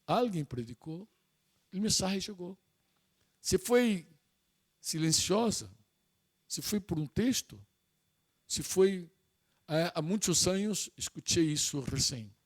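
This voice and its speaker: High-voiced man preaching a sermon. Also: expressive, slow pace, long pauses. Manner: mixes Portuguese and Spanish, emphatic repetitions.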